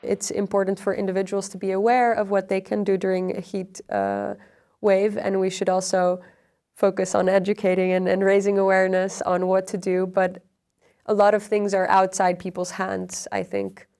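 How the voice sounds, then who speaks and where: A young adult woman, a PhD researcher, explaining in measured interview answers with frequent ums and uhs. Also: mid-range voice. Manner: measured, even, with frequent fillers. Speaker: PhD researcher on extreme heat.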